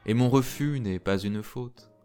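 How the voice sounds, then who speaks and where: A man reading a storybook, voicing a gentle, earnest young princess in a soft way. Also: mid-range voice, a little slow, faint music behind, close to an everyday voice.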